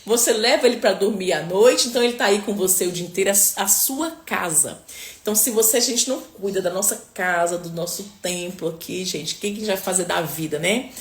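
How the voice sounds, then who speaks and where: A woman who works as a nutritionist chats with viewers on a live stream, answering their questions, adding religious blessings, and constantly tagging her sentences with "tá?" and "né?". Her voice is medium-pitched and fairly quick, recorded in a roomy, echoey space.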